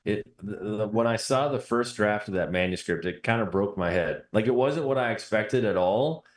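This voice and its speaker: A man's voice: lowish voice, lively intonation, normal speed. A man chatting casually as a publisher, explaining things in a reflective way. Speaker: guest, book publisher. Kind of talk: casual conversation. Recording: roomy, echoing sound.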